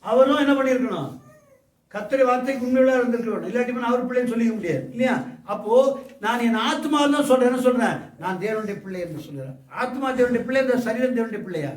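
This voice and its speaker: A man's voice: extremely high pitch, fast talker. A man preaching as a pastor, asking the congregation questions and repeating his phrases. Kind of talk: sermon. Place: church hall. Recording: echoey hall mic from a distance.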